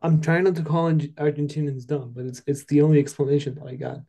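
A man's voice: on the high side, steady tone, quick pace, warm tone. A man co-hosting a casual podcast chat, hesitant with many restarts, steering the topic. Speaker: podcast co-host.

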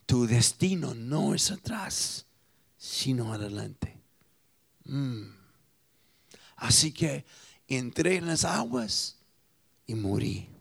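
Slow, gravelly preacher. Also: male voice, medium pitch, big pitch swings. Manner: dramatic swings from loud proclaiming to hushed near-whispers. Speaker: pastor. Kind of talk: sermon.

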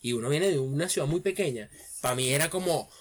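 Lively Venezuelan man telling stories. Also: on the high side, fast. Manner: lively storyteller who acts out his own past lines. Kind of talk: casual chat. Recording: noisy background.

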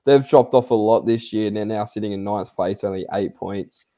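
Lower-voiced man explaining sports news. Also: normal speed, warm tone. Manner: explanatory, hesitant, trailing off. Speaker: podcast co-host. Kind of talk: casual sports podcast chat.

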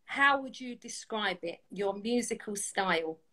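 A woman's voice: mid-range voice, lively intonation, a little slow, pushed and bright. A woman with a south London accent hosting a casual live music chat in an effusive, encouraging way. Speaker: online music show host.

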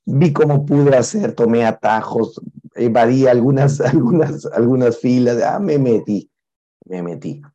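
A man's voice: medium pitch, a little slow, dull audio. A man telling a personal story with life lessons, acting out the voices of the people in it. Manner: animated storyteller, acts out the voices of others.

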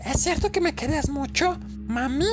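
A singsong, mocking demon boy, put on by a woman in a spoken horror tale. His very high voice teases and threatens. Music plays clearly behind him. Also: moderate pace, close to an everyday voice. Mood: menacing. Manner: singsong, taunting child's calls. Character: demon posing as a small boy, mocking and vengeful.

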